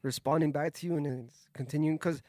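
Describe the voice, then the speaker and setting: A young man with a fairly high voice chats as a podcast co-host. He talks in a loose frat-bro manner, swearing and leaning on "like", with a dry, roomless sound. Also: fairly even intonation, brisk, darkish tone, dry recording. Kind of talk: casual chat.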